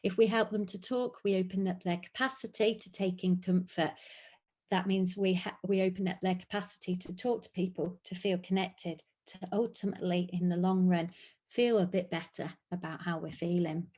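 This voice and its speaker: A woman with a British accent presenting an online webinar, speaking in an earnest, reassuring way and modeling gentle phrases to say to children. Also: on the low side, fairly even intonation, normal speed. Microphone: video call.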